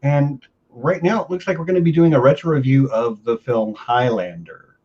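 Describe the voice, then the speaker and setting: An easygoing male host leads a casual podcast chat with a guest. His voice sits at a middle pitch and sounds upbeat and friendly. His mic comes through slightly dull and lo-fi. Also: moderate pace, a little mellow.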